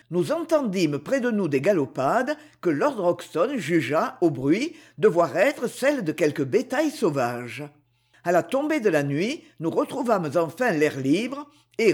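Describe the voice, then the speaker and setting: A man narrating a novel as an expressive audiobook reading. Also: high voice, slightly rough. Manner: expressive, literary.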